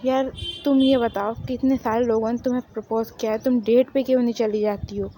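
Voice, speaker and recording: A woman's voice: fairly high pitch, steady tone, brisk, mellow, slight background noise, close to an everyday voice, rough recording. A woman voicing a nagging middle-aged mother who coaxes her daughter to marry. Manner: nagging, coaxing.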